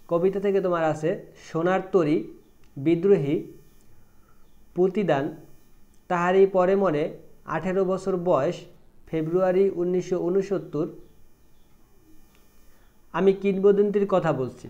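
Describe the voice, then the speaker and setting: Man, Bangladeshi Bengali accent, high-pitched, reading a list to students, dull lo-fi sound. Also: steady tone, dark tone. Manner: reads item lists slowly, addresses students directly. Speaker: teacher.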